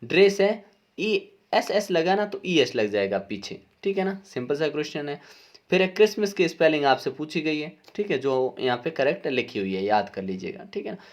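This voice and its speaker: A man, working as a teacher, explains an exam paper. He reads each question out slowly and then explains it with frequent checks that the students are following. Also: fairly high pitch, sing-song.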